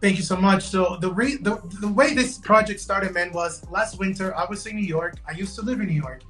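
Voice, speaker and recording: Faint music sits behind this guest's high, slightly bright voice as he talks a little fast on a video call. The young digital fashion designer, from Guatemala by way of Los Angeles, is chatty in the casual interview, restarting sentences and saying "bro" and "man."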